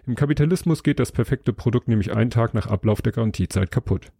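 A man's voice: mid-range voice, fast, creaky, warm tone, breathy edge, no room sound, studio quality. A man voicing a drunken, cynical kangaroo at a bar, slurring and mocking in a read-aloud story. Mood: sardonic.

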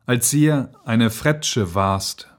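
A man's voice: mid-range voice, very slow. A man voicing a loyal servant in a fairy tale reading, earnest and solemn.

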